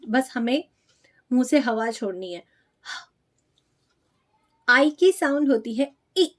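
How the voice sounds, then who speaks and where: A woman gives a phonics lesson for parents of small children. Her voice sits high, and she speaks slowly. She repeats each letter sound with care before she moves on. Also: lively intonation. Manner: slow, drawn-out demonstration of letter sounds. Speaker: pre-primary teacher.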